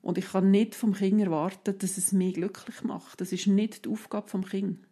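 A woman who calmly explains parenting advice, step by step, in a casual podcast chat. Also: medium pitch, normal speed, slightly rough.

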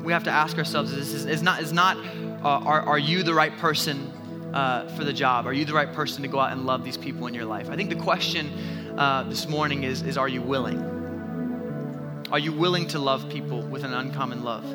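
A man in his thirties preaching a sermon, telling a story about his toddler son with lively, self-mocking energy and frequent restarts before turning earnest. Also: mid-range voice, normal speed, over loud music. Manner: animated storytelling with self-deprecating laughs and repeated restarts. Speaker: pastor.

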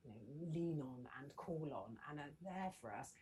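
A middle-aged woman, a business coach, chatting as a podcast guest in a lively, animated way. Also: sits low, normal speed, a little hiss or hum, rough recording. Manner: chatty and animated, laughs often. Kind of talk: casual podcast conversation.

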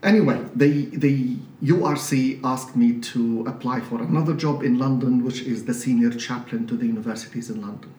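A man from Syria with a Syrian accent, a priest talking as an interview guest in a measured, explanatory way with frequent restarts. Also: mid-range voice, warm tone. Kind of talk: conversational interview. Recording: roomy, slightly distant mic with faint noise.

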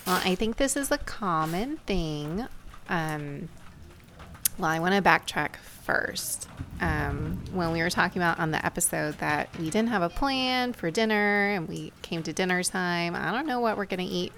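A woman podcaster in her thirties talks through family life in a relaxed, reflective way. Her voice sits a little low and has a gravelly fry. She takes her time, with a faint hiss of noise behind her. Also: unhurried. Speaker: podcast host. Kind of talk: casual podcast talk.

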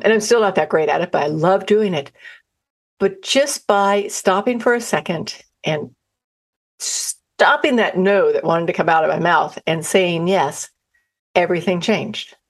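A woman who guides outdoor trips, telling chatty personal stories in a self-deprecating way and acting out what people said. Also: on the low side. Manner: acts out quoted dialogue with lively voices. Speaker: outdoor adventure guide and trainer. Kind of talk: personal storytelling talk.

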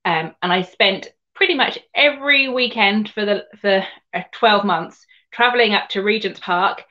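A woman with a soft-edged lo-fi sound speaks in a home counties English accent. She tells her story as an interview guest in a conversational, rambling way, often feeling for the next phrase. Her pitch sits in the middle for a woman. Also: normal speed. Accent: southern English, home counties. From Surrey, England. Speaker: guest, equine sports massage therapist.

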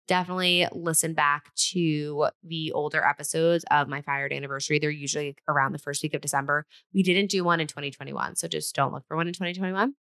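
Tired, raspy low-voiced woman host. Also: bright, forceful tone. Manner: chatty, rambling, restarts sentences. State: tired, winded. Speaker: podcast host. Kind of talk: solo podcast intro then casual chat.

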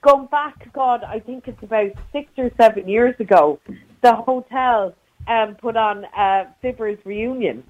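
A dull, band-limited phone-in recording of a middle-aged woman with a west of Ireland accent. Her voice sits fairly high. She chats in a loose, colloquial way, reminiscing as a caller to a radio show. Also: unhurried. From County Clare, west of Ireland. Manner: chatty, colloquial. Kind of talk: casual chat, reminiscing. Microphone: phone call to a radio show. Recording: dull, muffled call-in line.

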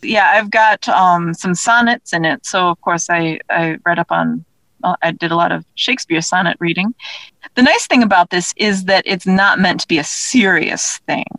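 An author and audio drama creator, interviewed as a guest, talks casually about her own work in a chatty, self-deprecating way. Her voice is fairly low, a bit bright and moderately paced. The recording is low-quality but has no room sound.

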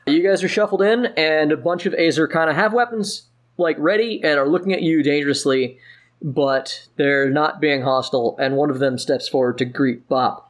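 A man's voice: on the high side, normal speed. A man narrating an improvised tabletop fantasy game as game master, descriptive and feeling his way through scenes.

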